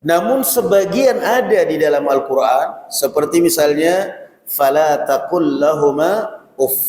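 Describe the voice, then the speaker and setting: A man with an Indonesian accent preaches at a mosque study session in a slightly high voice. He is lively and acts out parents and children in quick asides. The sound carries the long echo of a large mosque hall. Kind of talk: sermon.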